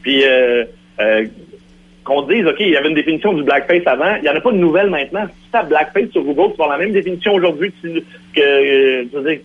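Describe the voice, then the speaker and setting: Fast, husky Quebec man arguing. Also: on the high side, animated. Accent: Quebec French. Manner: insistent, argumentative. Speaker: guest, radio prankster. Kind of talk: heated radio debate. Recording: lo-fi radio broadcast.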